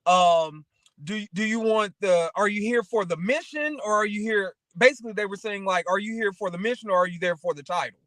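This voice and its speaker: Brisk and a bit bright, a high-pitched man co-hosting a talk show wanders through anecdotes in a casual, motivational tone, often making sure the listener keeps up. The audio is close and dry with no room sound.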